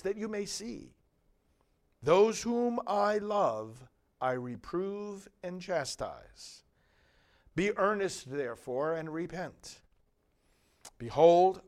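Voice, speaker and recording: A male priest delivers scripture and homily with solemn, deliberate emphasis. His voice sits a little high for a man and moves widely in pitch. He takes his time over each phrase, very slowly. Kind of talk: liturgical scripture reading and homily.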